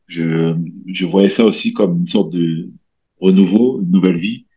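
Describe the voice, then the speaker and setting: Over a slightly dull-sounding video call, a man in his thirties from French Guiana talks a little slowly through his headset. Low and a touch husky, his voice drifts through a relaxed, rambling interview chat marked by fillers and restarts. He's the guest, a bodybuilder and coach, sitting indoors in a small room at home.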